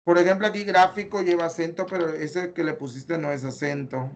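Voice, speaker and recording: A man's voice: a little high, steady tone, a little fast. Man, mexican spanish accent, teacher, raised voice, patient step-by-step corrections. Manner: explains step by step, corrects patiently, many fillers. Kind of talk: online class, reviewing student data.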